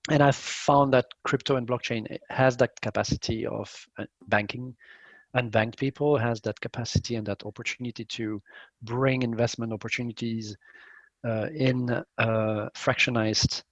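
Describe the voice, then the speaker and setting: A middle-aged man from Belgium, answering interview questions in a measured way and pausing often to find his words. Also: medium pitch, fairly even intonation, dry recording, poor audio. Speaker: guest, company CEO.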